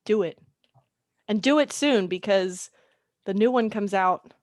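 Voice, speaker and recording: A woman's voice: medium pitch, measured pace, a little mellow, no echo, clean studio sound. A young woman co-hosting a podcast in casual chat, rambling and giggly. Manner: chatty, giggly, rambling asides. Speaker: podcast co-host.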